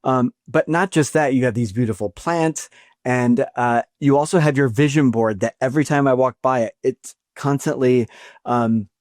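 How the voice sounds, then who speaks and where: A male podcast host reads a scripted opening, then chats amiably with a guest in a podcast interview, with some fillers and restarts. His medium-pitched voice is a little mellow and moderately paced. The studio sound is clean with no echo.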